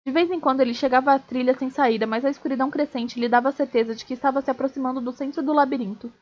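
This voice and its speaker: A woman streamer reading a novel aloud, steady, with small slips and restarts. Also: high voice, rapid-fire. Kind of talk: live read-aloud of a novel. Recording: dull lo-fi stream audio.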